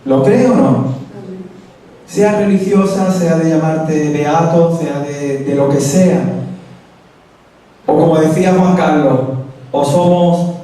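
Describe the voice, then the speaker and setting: Andalusian man preaching in a church; animated storyteller who plays the voices, heard from a distance in a very echoey hall. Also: takes it slowly, pauses often. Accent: Andalusian Spanish. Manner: storytelling, acts out quoted voices with raised pitch. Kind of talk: sermon.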